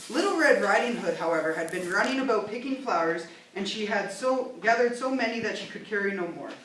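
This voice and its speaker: A woman reads a fairy tale aloud with expressive storytelling, at a middle pitch. Her voice rings in a very echoey room, picked up from some distance, with a faint hiss behind it. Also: brisk. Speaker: narrator.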